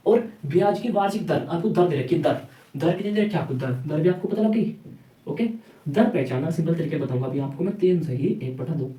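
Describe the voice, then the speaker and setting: A male teacher walks through a math lesson at a brisk clip, firing questions at students and answering them himself. His voice sits a little high but sounds dark and mellow. It is recorded from some distance in an echoey room. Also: lively intonation. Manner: rhetorical questions answered himself, repeats "ठीक है".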